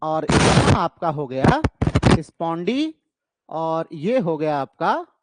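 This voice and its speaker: A man's voice: fairly high pitch, sing-song, slow pace, no echo. Male teacher drilling terms through rhetorical questions. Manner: asks rhetorical questions and answers them himself; repeats key terms for emphasis. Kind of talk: exam-prep lecture. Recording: noisy background.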